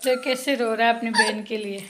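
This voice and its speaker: A high-pitched woman talks quietly to the camera in a casual home vlog, murmuring as she goes about her day. The phone recording carries clear background noise. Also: fairly even intonation, fairly quick. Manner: soft murmured narration to camera. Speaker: vlogger.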